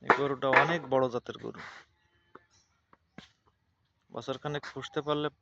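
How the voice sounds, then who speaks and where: A man's voice: mid-range voice, steady tone, a little slow, vocal fry, heavy background noise. Male vlogger, chatty and repetitive, on lo-fi phone audio. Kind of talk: casual vlog narration. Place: outdoors with a cow.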